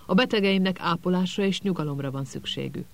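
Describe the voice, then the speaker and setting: A man's voice: high voice, vocal fry, a bit bright. A man voicing a stern, fussy female school nurse who scolds insistently in an audiobook. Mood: indignant.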